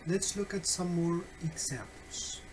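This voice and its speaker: A man teaching a recorded phonetics lesson over slides. He speaks slowly and patiently, with many pauses and checks like "okay?". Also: a little high, a little mellow, a little hiss or hum, low-quality recording. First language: Spanish. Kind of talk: recorded online lecture.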